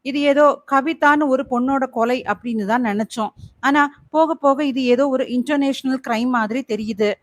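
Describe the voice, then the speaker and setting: A loyal young man with a steady, reassuring way of speaking, read by a woman narrator. The voice is high and heard dry and close. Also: moderate pace, no room sound. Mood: calming.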